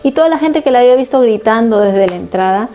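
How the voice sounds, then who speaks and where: A woman's voice: fairly high pitch, lively intonation, fast, mellow, soft background music. A woman pastor preaching a sermon and earnestly recounting a personal family story as testimony.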